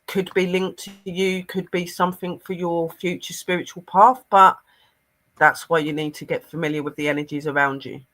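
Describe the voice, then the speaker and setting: Bright-voiced man giving a spirit message. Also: on the high side, level tone, moderate pace. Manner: earnest, rambling with fillers. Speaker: spiritual medium co-host.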